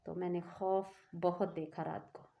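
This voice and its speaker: A woman's voice: fairly low pitch, level tone, a little slow, vocal fry, highs cut off. A woman telling a personal story in a rambling, earnest way that keeps interrupting itself. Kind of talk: casual storytelling to camera.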